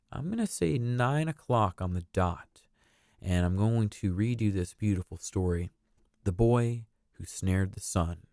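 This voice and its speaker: Lowish-voiced man, casual story show host. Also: vocal fry, mellow, dry recording, studio quality. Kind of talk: casual sign-off to viewers.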